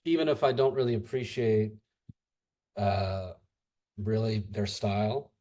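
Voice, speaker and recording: A man's voice: lowish voice, unhurried, mellow. A man who teaches English, a guest in a casual podcast chat, rambling and antsy as he talks. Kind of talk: casual conversation.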